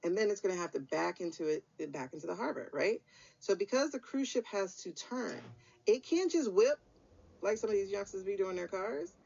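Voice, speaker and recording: A woman's voice: mid-range voice, lively intonation, moderate pace, creaky, a little mellow. An American woman giving a weekly tarot reading in a casual, blunt, encouraging way, with some mild swearing. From United States. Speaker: tarot reader. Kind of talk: casual spiritual guidance chat. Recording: dull lo-fi recording.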